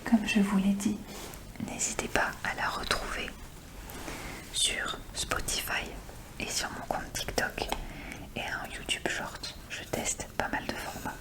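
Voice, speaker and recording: This ASMR creator whispers at a slow pace in a mid-range, monotone, breathy voice with no voicing, right up at the ear. The chatty, informal show-and-tell stays soft and intimate.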